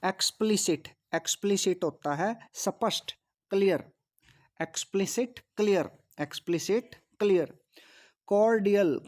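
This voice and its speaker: A man teaches English vocabulary in Hindi, repeating each word with its meaning and posing rhetorical questions as he drills the list. His voice sits high with a darkish tone.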